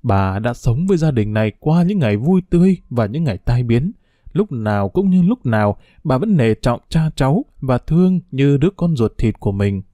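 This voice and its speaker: A man's voice: mid-range voice, big pitch swings, normal speed, dark tone, no room sound, clean studio sound, natural voice. A man voicing an older woman in a read-aloud story, solemnly recounting family history. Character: older woman, stern but caring family servant.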